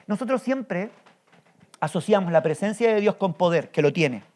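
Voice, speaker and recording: Man preaching a lively storytelling sermon. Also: sits high, normal speed. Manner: animated storytelling with rhetorical questions to the congregation. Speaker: pastor. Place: church.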